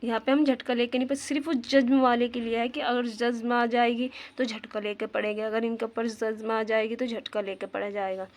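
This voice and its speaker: A woman teaches Quran recitation in a patient, step-by-step way. Her voice sits a little high but stays on an even, narrow melody. She keeps repeating key terms and quizzing her listeners. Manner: patient, repeats terms and asks questions back to viewers; slows down to demonstrate Arabic sounds. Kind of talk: tajweed lesson.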